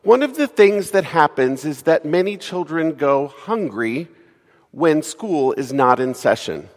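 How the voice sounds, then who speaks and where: A man speaks like a courteous funeral director, guiding mourners through practical announcements as officiant. His pitch moves up and down in a lively way. The sound rings in a large, reverberant church. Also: unhurried. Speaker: cathedral dean officiating a funeral. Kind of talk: formal but conversational welcome and announcements at a memorial service. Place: large cathedral interior.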